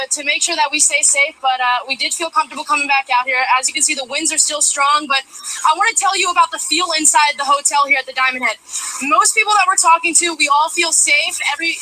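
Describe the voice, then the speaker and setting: Woman, live TV field reporter, high-pitched, piercingly bright, raised voice against wind, standing outdoors in a storm. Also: rough recording. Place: outdoors on a stormy windswept beach front.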